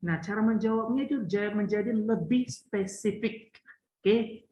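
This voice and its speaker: A man's voice: sits high, measured pace, warm tone, slight background noise. Joking male teacher, roomy. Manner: joking, teasing, repeats phrases. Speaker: English teacher. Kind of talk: casual online lesson. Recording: roomy, dull lo-fi.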